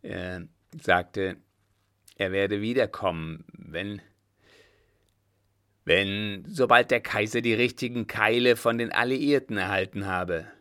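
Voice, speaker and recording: A man voicing a naive, proud male coachman who answers loudly and earnestly with slow emphasis. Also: fairly low pitch.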